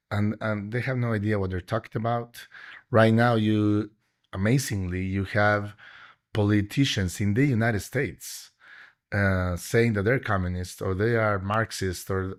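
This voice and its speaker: Man hosting an interview. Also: lowish voice. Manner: asks long, halting questions. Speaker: podcast host. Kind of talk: interview questions.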